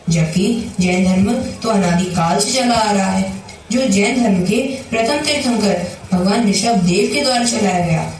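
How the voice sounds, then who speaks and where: A woman narrating a school stage play, declamatory and reverent. Her voice booms around a very echoey hall, picked up from far off.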